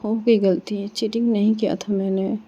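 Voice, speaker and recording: A woman's voice: medium pitch, little pitch movement, warm tone, breathy edge, lo-fi sound, lightly acted. A woman voicing a remorseful young woman pleading. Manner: emotional, pleading, halting repeats.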